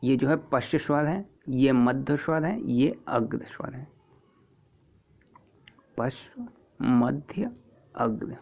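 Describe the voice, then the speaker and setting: A man teaching an exam-prep lesson, patiently repeating terms and example sounds, with frequent throat clearing. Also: medium pitch, fairly even intonation, measured pace, few pauses, darkish tone. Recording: dull lo-fi recording.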